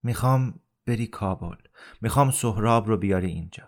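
A dying older man, gentle yet persuasive, who talks in a calm and earnest way, as a male reader voices him. His voice sits fairly low, in the measured tone of an audiobook reading. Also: natural voice. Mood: earnest, pleading.

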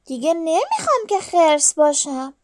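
A woman's voice: extremely high pitch, big pitch swings, no room sound, studio quality, pitched above the performer's own voice. A woman voicing a grumpy, tired bear in a children's storybook, complaining and pleading.

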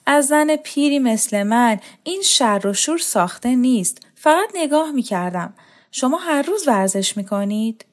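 An old lady of the house, flustered and quick to snap, read aloud by a woman storyteller. Her lines come out lifted and animated, set apart from the narration. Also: sits high, pitched above the performer's own voice. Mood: polite, wary.

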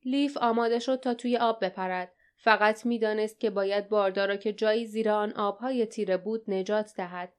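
A woman narrating an audiobook in a steady, dramatic storytelling style. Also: mid-range voice, clean tone. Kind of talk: scripted narration.

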